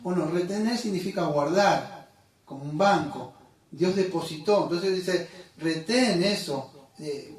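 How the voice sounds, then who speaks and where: A pastor with a high-sitting, darkish voice preaches a sermon in a church hall, speaking conversationally, correcting himself and quizzing the congregation. The room is echoey and the mic is some distance away.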